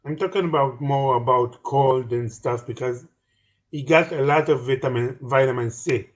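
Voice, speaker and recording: A man taking part in a relaxed kitchen chat stream, speaking slowly and plainly. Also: medium pitch, highs cut off. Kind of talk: casual chat.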